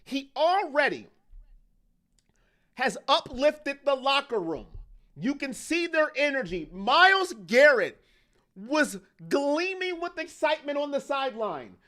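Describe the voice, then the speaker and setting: Male fan host, higher-pitched voice, bright and sharp, heated ranting, livestream chat reading. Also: big pitch swings. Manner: heated, ranting, fast-shifting intensity.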